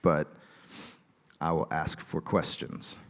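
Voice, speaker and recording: A man giving a relaxed conference talk with a joking tone and many fillers, speaking in a large auditorium. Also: rumbling low, slow, long reverb tail.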